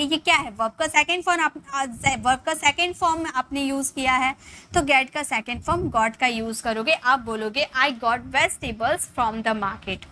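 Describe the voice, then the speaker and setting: A woman teaching an English lesson in Hindi. She reads the English examples slowly and answers her own questions. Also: sits high, pushed and bright, a little hiss or hum. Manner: slow, spelled-out reading of English example sentences; asks questions and answers them herself.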